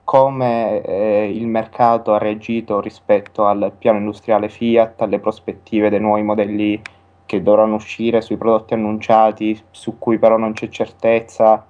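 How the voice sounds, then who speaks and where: A man calling in to a radio show over the phone, asking a question in a halting, hesitant way with many pauses and filler sounds. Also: lowish voice, level tone. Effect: heard over the phone. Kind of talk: casual call-in question. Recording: dull lo-fi phone line.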